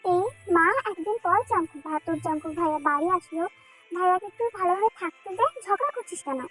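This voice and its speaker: A woman's voice: very high-pitched, fast, a bit bright, faint music behind. A woman voicing a bossy middle-aged mother who scolds and gives orders, in a dubbed fan drama.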